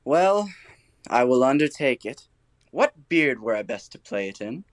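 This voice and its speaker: Boastful amateur thespian played by a man, swooping pitch. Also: big pitch swings, measured pace, dry recording. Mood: self-important. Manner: theatrical, showy. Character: Bottom, boastful eager amateur actor, grown workman. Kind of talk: comic Shakespearean audio play acting.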